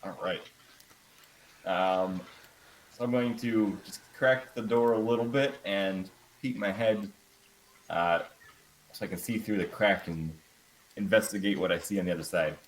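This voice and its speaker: Low-voiced man asking questions at the table. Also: measured pace, long pauses, slight background noise, low-quality recording. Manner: casual, asking many questions. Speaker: player. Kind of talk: playing a tabletop game.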